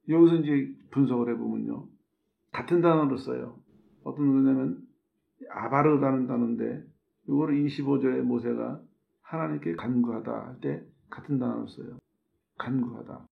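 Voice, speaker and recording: A man's voice: medium pitch, normal speed, vocal fry, long pauses. A male pastor preaching a sermon, explaining scripture verse by verse and acting out the quoted words of God and Moses. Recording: tinny phone-like sound.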